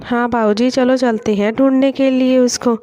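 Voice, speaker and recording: Young village husband, voiced by a woman, plain and agreeable; high and mellow, slightly muffled. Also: fairly even intonation, normal speed, close to an everyday voice.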